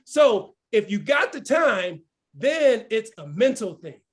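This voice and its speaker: A man of about fifty, whose voice sits high, speaks slowly while hosting a morning motivational session. He's very energetic and often checks in by asking "right?"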